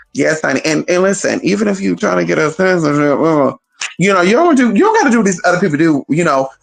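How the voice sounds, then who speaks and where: Chatting casually on a livestream, a woman speaks straight to her viewers in an animated, sassy and profane way, calling them honey and girl. Her voice is low-pitched with vocal fry.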